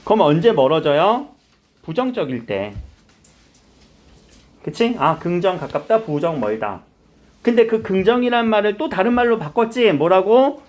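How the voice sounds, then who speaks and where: A man's voice: high voice, normal speed, long pauses, lo-fi sound. A middle-aged man teaching literature to a classroom of students, explaining terms and quizzing them as he goes. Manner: lively, questioning the students often. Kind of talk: classroom lecture.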